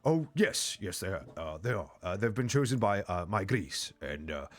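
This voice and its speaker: A man voicing a courteous mushroom-folk envoy who talks in a halting, stammering way. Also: low-pitched, very animated.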